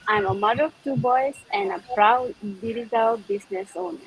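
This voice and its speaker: A woman from the Philippines giving a soft, plain introduction as a panelist. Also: a little high, expressive, moderate pace, a little hiss or hum, low-quality recording.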